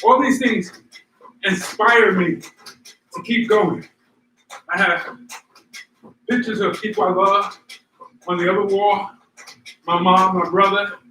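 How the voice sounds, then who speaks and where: He hosts a running workout vlog in a high, sharp-toned voice, keeping his intonation fairly even and his pace slow, with long pauses. While running and power walking, he offers viewers casual, motivational chat, recorded from a distance in a roomy space with a little noise.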